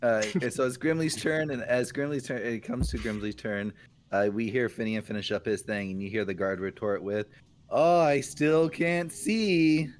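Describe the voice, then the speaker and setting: A man's voice: fairly low pitch, fairly even intonation, fairly quick, background noise. Man running a tabletop game. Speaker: game master.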